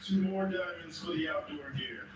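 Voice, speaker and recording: A man's voice: on the high side, moderate pace, heavy background noise. A man hosting a game show, calling out the plays with exclamations and repeated phrases. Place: television game show studio. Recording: echoey TV studio, distant, loud music behind. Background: music.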